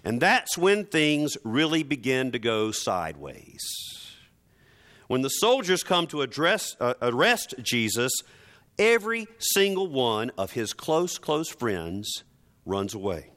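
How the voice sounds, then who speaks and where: Very animated and a bit bright, a man's mid-range voice carries a dramatic sermon. He delivers it emphatically and theatrically, using rhetorical flourishes, deliberate repetition for effect, and sardonic asides.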